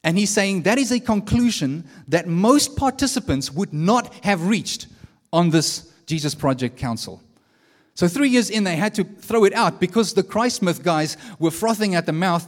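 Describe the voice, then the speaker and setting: A man preaching a sermon in a loose, conversational way, dropping in slang and reading quotes aloud. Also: high voice. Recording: long hall reverb.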